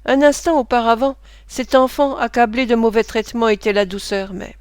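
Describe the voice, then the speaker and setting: Clear-voiced woman reading a novel aloud. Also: a little high, fairly even intonation, a little fast, a little mellow, no room sound, studio quality. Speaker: reader. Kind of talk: audiobook narration of a classic novel.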